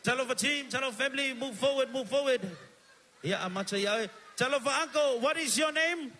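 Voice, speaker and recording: Energetic Samoan-accented male emcee, high and bright, on a stage mic. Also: brisk, slight background noise. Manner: energetic, calls out to the crowd, switches between Samoan and English. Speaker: master of ceremonies. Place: stage at an evening show.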